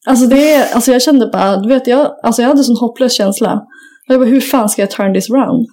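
A woman's voice: fairly high pitch, dark tone. A young woman in casual chat, telling a rambling story full of fillers and casual swearing. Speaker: podcast co-host.

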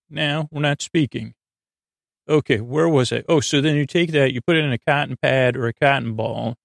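This bedtime podcast features a man whose mid-range voice is creaky and gravelly, recorded up close, very dry, with no echo. He rambles through an improvised monologue, digressing freely and stopping and restarting partway through words.

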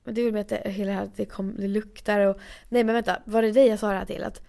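A woman's voice: mid-range voice, level tone, gravelly, dark tone. A young woman from Sweden, co-hosting a podcast in a chatty, rambling way with lots of fillers. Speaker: podcast co-host. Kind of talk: casual chat.

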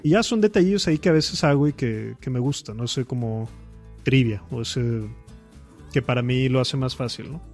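A man's voice: mid-range voice, moderate pace, darkish tone, soft background music. A man, a podcast guest and author, talking casually with slang and many fillers.

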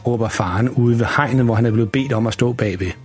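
A man narrating a children's story in a lively, expressive reading voice. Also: mid-range voice. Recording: music bed behind.

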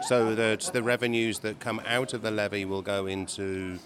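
A man's voice: fairly low pitch, flat delivery, moderate pace, fairly bright tone. A male podcast host asking chatty interview questions, restarting as he frames them. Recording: crowd chatter around the speaker.

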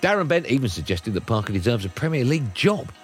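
Male presenter, expressive, playful scripted links. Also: mid-range voice, fast talker, faint music behind. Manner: playful, lively intros. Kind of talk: scripted link narration.

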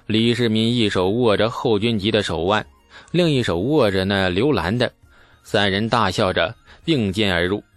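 A man narrating a historical novel as an audiobook in a steady storytelling manner. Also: lowish voice, dry recording. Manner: steady storytelling with asides to listeners.

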